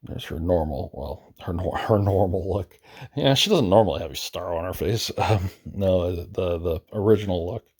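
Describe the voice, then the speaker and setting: A man's voice: low voice, moderate pace, a little mellow, breathy edge. A man giving casual, rambling commentary while browsing a video game roster, hesitant and often correcting himself, losing his voice. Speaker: gaming video host.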